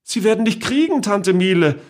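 A man's voice: sits high, expressive, normal speed, voice pushed up. A man doing an alarmed, pleading relative. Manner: urgent and pleading. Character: alarmed adult relative confronting an old aunt.

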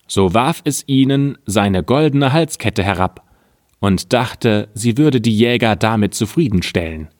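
A man reads an old fairy tale aloud, calm and measured, taking his time in a slightly low voice. The recording is dry and close, with no room echo, and he speaks as a storyteller.

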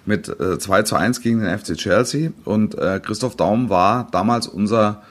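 Low-voiced middle-aged man, halting storyteller. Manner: halting, repeats words as he searches for phrasing. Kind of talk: casual chat, storytelling.

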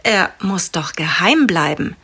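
Earnest little boss kid, a woman reading, husky voice. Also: medium pitch, normal speed, sharp tone. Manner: earnest, mock-bored. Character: serious young boy, ringleader.

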